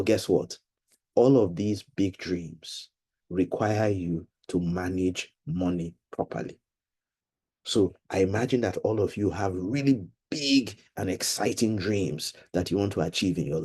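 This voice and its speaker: Low dark-voiced man teaching kids. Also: slightly rough. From Nigeria. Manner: patient, explaining slowly to children. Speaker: financial literacy seminar leader. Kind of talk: online seminar for children. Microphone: video call.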